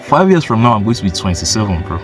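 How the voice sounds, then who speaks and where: Deep-voiced man in his twenties, blunt motivational vlogger, swears freely, repeats himself for emphasis. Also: sing-song, fast, over music. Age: 20s. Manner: blunt, swearing, heavy use of "like" and "bro"; insistent, repeats points for emphasis. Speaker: motivational YouTuber. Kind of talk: casual motivational monologue.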